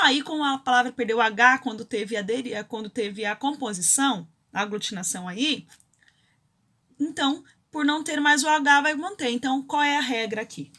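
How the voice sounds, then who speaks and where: A woman's voice: on the high side, sharp tone. A Brazilian woman teaching a grammar lesson, explaining rules step by step and often checking in with her students. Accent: Brazilian Portuguese.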